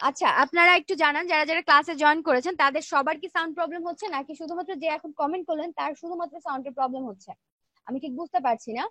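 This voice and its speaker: A woman teaching an online design class, explaining each step plainly and checking in with her students, speaking softly because she feels weak today. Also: high voice, racing, dry recording. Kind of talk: live screen-share tutorial.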